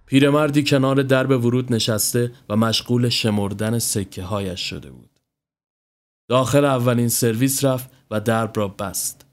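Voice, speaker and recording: Man, storyteller, horror narration, steady reading, mid-pitched voice.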